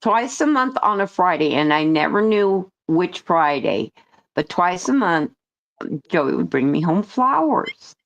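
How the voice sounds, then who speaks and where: A woman taking part in a casual group chat, teasing and telling stories in a lively way. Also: fairly low pitch, measured pace, dull audio. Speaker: chat guest.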